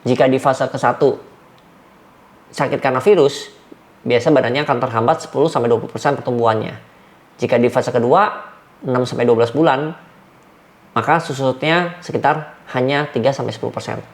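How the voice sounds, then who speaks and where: A man, a dog trainer giving numbered training tips and acting out sharp commands. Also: medium pitch, a little fast, pauses often. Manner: numbered points, demonstrates commands with sharp shouts.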